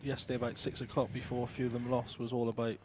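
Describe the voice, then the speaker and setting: A man's voice: medium pitch, flat delivery, racing, noisy background. A man from Wales co-commentating on a pool match in casual chat, ribbing his partner with dry teasing.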